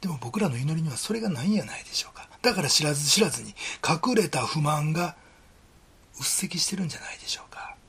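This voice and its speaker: Husky kansai guy preaching, earnest and chatty, voice jumps around a lot, slips into whispers. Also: a little high, lively intonation, fast talker, fairly bright tone. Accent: Kansai Japanese. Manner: earnest, conversational preaching with many whispered phrases. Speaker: pastor. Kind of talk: sermon.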